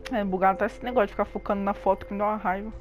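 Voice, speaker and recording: A woman's voice: medium pitch, fairly even intonation, rapid-fire. A Brazilian woman giving casual, chatty gameplay commentary with plenty of slang. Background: music and game audio.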